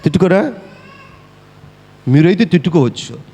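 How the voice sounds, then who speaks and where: Male preacher, high pitch, questioning and scolding the congregation, echoey hall. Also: very animated, moderate pace, mellow, slightly rough. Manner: scolding, mocking. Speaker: pastor. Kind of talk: sermon.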